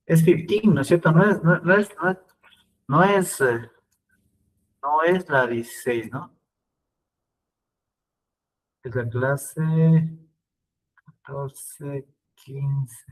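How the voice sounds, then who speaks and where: A man teaching an online English class, speaking slowly and repeating words for his students to copy. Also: on the high side, recorded from a distance, low-quality recording.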